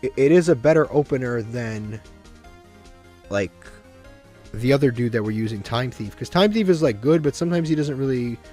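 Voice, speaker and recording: A man at an ordinary pitch talks through a card game in a flat, monotone way, his voice a little congested from a cold. He rambles, restarts sentences and corrects himself as he goes. Soft music plays quietly behind him. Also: normal speed. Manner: monotone, self-described. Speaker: gaming video host. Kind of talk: casual gameplay commentary.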